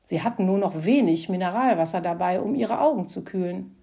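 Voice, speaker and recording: A woman voicing a kindly, chatty middle-aged neighbor who speaks gently in a read-aloud story. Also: fairly low pitch, lively intonation, a little fast, creaky. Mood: soothing. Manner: gentle, soothing.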